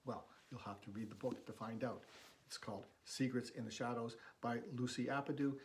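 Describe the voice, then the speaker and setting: Male narrator, medium pitch, fireside storytelling, book reading, echoey room. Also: a little fast, slight background noise. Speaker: book editor and reader. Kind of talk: fireside storytelling, reading a suspense novel aloud.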